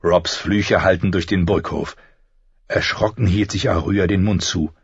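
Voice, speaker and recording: A man reading an audiobook in measured, expressive scripted narration. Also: sits low, slightly rough, dry recording. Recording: dull lo-fi dry recording.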